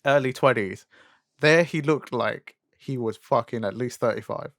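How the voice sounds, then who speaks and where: Young guy podcast chat, medium pitch, dry sound, swears a lot and rants in questions. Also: moderate pace, no echo. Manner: sweary, animated griping with rhetorical questions. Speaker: podcast co-host. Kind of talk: casual chat about animation and games.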